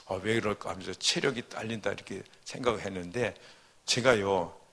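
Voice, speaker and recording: In a church sanctuary, a male pastor preaches into a handheld or stand mic, his medium-pitched voice slightly hoarse. He's emotional, swinging from soft asides to loud, fervent, heartfelt pleading.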